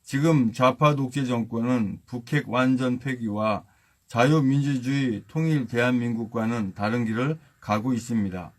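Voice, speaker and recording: A man with a medium-pitched voice acts as host. He comments briefly and reads a formal political statement aloud. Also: moderate pace.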